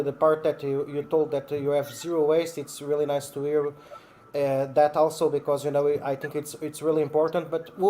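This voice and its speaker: A man with a somewhat high but mellow voice moderates a panel. He hesitates often and fills pauses with "uh". There is faint noise behind him. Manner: hesitant, with many fillers.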